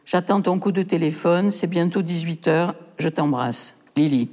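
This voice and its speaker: At a poetry performance, a woman with a lowish, slightly mellow voice reads personal letters aloud at normal speed. Her delivery is frank and impassioned, and the recording carries long hall reverb.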